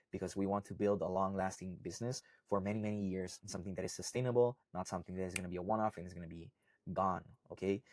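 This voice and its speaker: Low-voiced Costa Rican man explaining casually. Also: a little mellow, dry recording, clean studio sound. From Costa Rica. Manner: conversational, often ends points with "right?" and "okay?". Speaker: salsa instructor. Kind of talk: casual explainer talk to camera.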